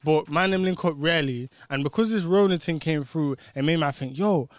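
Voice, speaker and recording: A man's voice: fairly high pitch, brisk, no echo, clean studio sound. A man with a British urban roadman accent, chatting casually in street slang and arguing his point emphatically. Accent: British urban street (roadman) English. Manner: emphatic, argumentative, repeats tag questions.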